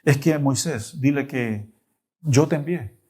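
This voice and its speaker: A man's voice: medium pitch, slow, darkish tone, breathy edge. A man voicing God as a firm, insistent commander in a retold Bible story. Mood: commanding.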